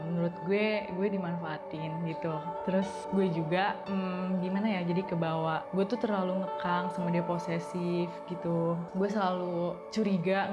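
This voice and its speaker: Hesitant teenage girl, lowish voice. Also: muffled recording. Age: late teens. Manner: hesitant, thinking aloud with many fillers. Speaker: interviewee. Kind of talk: casual personal story.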